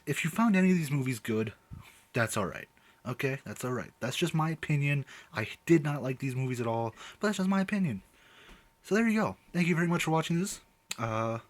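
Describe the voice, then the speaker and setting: A young man reviewing movies in a casual rant to camera, exasperated and emphatic, repeating his points. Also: mid-range voice.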